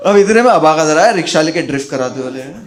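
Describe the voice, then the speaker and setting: A man, telling an animated stand-up comedy story and laughing between lines. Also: on the high side, very fast. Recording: loud background noise.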